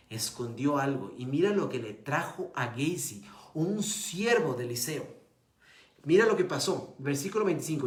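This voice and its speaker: Male preacher, sermon, animated retelling, hushed low emphasis, reverberant room. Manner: animated retelling with lively pitch swings. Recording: echoey room.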